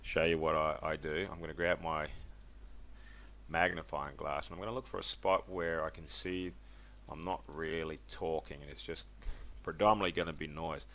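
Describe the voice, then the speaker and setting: A man casually walking viewers through a software tutorial, chatty and loose, with many ums and self-corrections. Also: very deep voice, steady tone, moderate pace. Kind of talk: casual screen-recorded tutorial.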